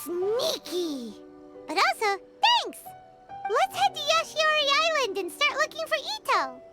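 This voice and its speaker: An actress voicing a tiny, excitable female companion creature in a game, talking high and bouncy over game music. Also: measured pace, full character voice. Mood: chirpy. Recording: game audio with loud music behind.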